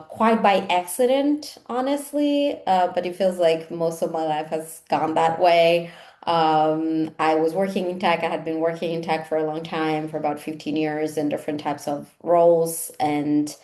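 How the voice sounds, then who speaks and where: A woman's voice: deep voice, a little slow, darkish tone. A woman from Italy, a coach chatting casually as an interview guest and peppering her talk with "like". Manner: chatty, frequent "like" fillers. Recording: roomy echo.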